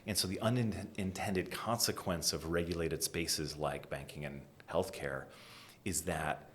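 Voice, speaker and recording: A middle-aged American man from New England, a design executive giving an animated interview and dropping to a whisper for emphasis. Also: sits low, unhurried, slight background noise. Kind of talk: conversational interview.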